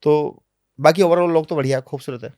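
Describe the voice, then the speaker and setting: A man being interviewed on a podcast, telling travel stories in a lively, animated way, sometimes dropping to low, quiet asides. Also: normal speed, no room sound, studio quality. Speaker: travel vlogger guest. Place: podcast studio.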